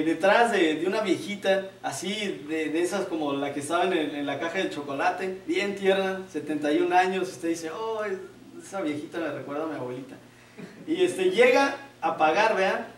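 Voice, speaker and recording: A man preaching a sermon in a conversational, joking way, often asking his listeners "¿verdad?". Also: high voice. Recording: echoey, distant room mic, faint ambience.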